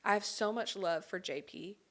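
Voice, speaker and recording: A young pregnant woman who sings answers interview questions as a guest in a mid-range, fairly bright voice at normal speed. She is open and thoughtful, a bit out of breath, punctuating her replies with light laughs and many ums.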